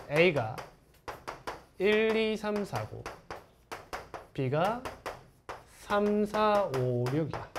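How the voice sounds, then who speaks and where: A male math teacher lecturing a class. His voice sits fairly high and jumps up and down a lot as he fires off questions to the students and answers them himself. He talks in a brisk, chatty classroom way. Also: a little hiss or hum.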